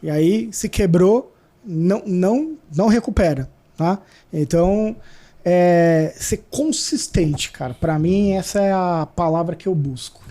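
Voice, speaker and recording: A man with a high voice and a warm, mellow tone answers an interviewer's questions. He speaks bluntly but haltingly, circling through fillers and restarts before landing his point. He comes from Brazil and calls himself hyperactive. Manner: self-described hyperactive. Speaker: guest.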